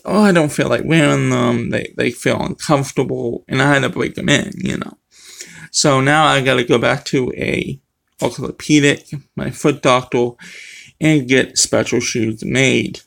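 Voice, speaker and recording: Male vlogger, middle-aged, gravelly, speech impediment affecting R and W, rambling informal delivery. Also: mid-range voice, a bit bright. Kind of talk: casual talk to camera. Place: small room at home. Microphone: webcam or phone close to face.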